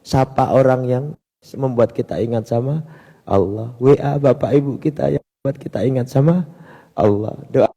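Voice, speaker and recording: A man with a Javanese accent preaching a sermon in a mosque and telling a story. He mixes in Javanese phrases and swings between loud and soft. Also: medium pitch, normal speed, creaky. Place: mosque hall. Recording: reverberant mosque hall.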